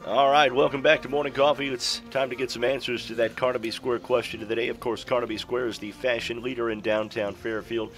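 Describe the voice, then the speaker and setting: A man's voice: mid-range voice, little pitch movement, brisk, few pauses, over music, poor audio. A man hosting a casual morning radio show, easygoing as he leads the segment.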